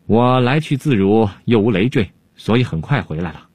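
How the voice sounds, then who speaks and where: A man's voice: on the low side, expressive, moderate pace, darkish tone, no room sound. A man voicing a sly, unflappable male Han court jester-scholar who talks in a teasing, self-assured drawl.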